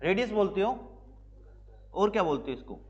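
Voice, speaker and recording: A man's voice: high voice, animated, normal speed. A male physics teacher with a Haryanvi Hindi accent, lecturing a classroom and constantly asking questions he then answers himself. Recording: slightly dull lo-fi recording.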